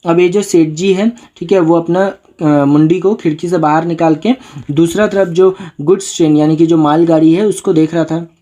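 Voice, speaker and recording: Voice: mid-range voice, steady tone, normal speed, warm tone. A tutor explaining a school chapter, reading English lines phrase by phrase and then explaining them in casual Hindi, often checking in with the listener. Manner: keeps checking in with "ठीक है ना" as a filler.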